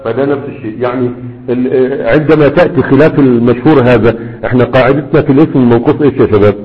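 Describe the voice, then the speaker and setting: A man's voice: medium pitch, racing. A man with an Egyptian Arabic accent teaching a grammar lesson, constantly quizzing his students with half-finished questions and checking they follow. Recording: echoey room over a tinny, phone-like line.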